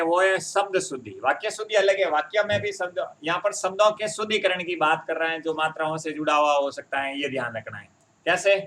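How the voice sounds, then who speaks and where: A man's voice: fairly high pitch, bright, forceful tone. A man teaching a Hindi grammar lesson, explaining step by step and often checking that his students follow.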